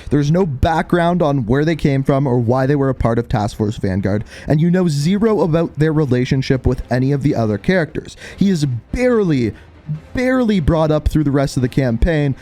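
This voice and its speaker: A man's voice: a little high, lively intonation, moderate pace, mellow. A man narrating a scripted video game review essay, stressing key words emphatically. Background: background music.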